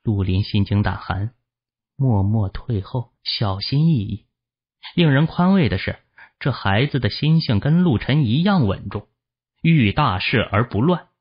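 A man narrating a fantasy novel as an audiobook, with expressive storytelling, in a dull lo-fi recording. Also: medium pitch, measured pace, husky.

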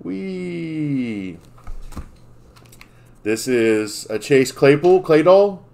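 A man's voice: mid-range voice, expressive, moderate pace. A man opening trading card packs on a live stream, in casual chat, playfully confused and stumbling over the names.

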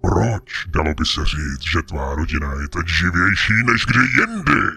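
A man voicing a possessed woman with a deep, gravelly, slow and menacing demonic voice, over a music bed. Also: big pitch swings, bright, forceful tone, full character voice.

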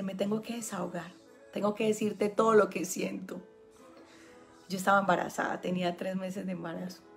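A woman with a Medellín Colombian accent, telling a personal story to her online audience in a chatty way and laughing often. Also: mid-range voice. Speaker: spiritual healing coach.

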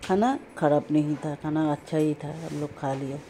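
Low-voiced woman talking while chewing. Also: normal speed, background noise. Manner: chatty, addresses viewers as friends. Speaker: food vlogger. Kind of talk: casual vlog narration. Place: roadside restaurant.

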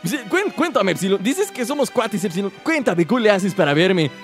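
A man's voice: high voice, big pitch swings, normal speed, soft background music. A man voicing a sly, eager male demon scientist from a game, with probing questions. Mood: curious.

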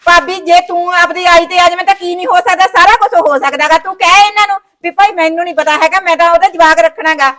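With a crowd audible behind her, a woman speaks fast with hardly any pauses in an extremely high, steady voice. Acting as a sulking sister-in-law in a family short film, she complains indignantly in a Malwa Punjabi accent, refuses every offer, and talks over objections.

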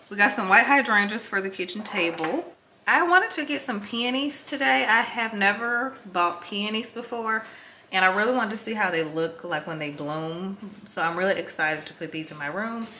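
A medium-pitched, sharp-toned young woman vlogs from her home kitchen, chatting to viewers with lots of "like" and "um." Her manner is friendly, upbeat and enthusiastic, with slight background noise.

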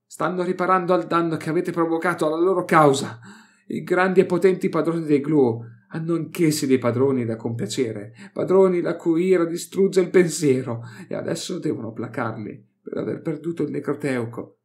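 A man's voice: a little high, normal speed, voice pushed up, close to an everyday voice. Man putting on a gloating scholar villain. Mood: gleeful mocking. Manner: mocking, triumphant, theatrical. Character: gleeful scheming male alien-lore scholar.

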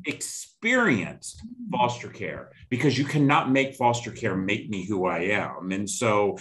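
A middle-aged man with a bright, forceful voice hosts an interview over a video call. He speaks with passion and emphasis, hammering points home by repeating them. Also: lowish voice, big pitch swings, a little slow, low-quality recording. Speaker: podcast host. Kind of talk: casual interview.

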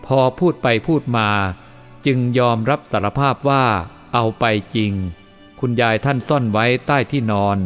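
A man reading a first-person moral story aloud as the storyteller, in a steady, measured way. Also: medium pitch, clear, resonant tone, faint music behind.

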